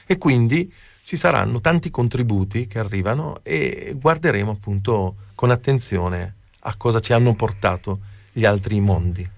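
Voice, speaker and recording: A man's voice: fairly low pitch, moderate pace, creaky, few pauses, no room sound. A man, a film festival's artistic director, answering as a radio guest in a hesitant way with many fillers. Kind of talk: radio interview.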